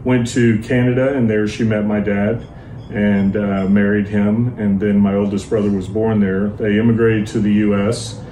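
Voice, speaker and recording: A man from Dallas, Texas, a pastor telling his life story in an interview with measured, steady storytelling. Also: on the low side. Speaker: pastor, guest. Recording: echoey, distant mic, faint noise.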